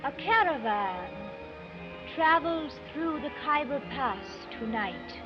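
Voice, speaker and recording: A woman's voice: high-pitched, animated, slow. An actress playing an imperious woman who poses as a goddess, speaking in a stately, archaic, stagey way on an early talkie film soundtrack. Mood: commanding. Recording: muffled old film sound with music.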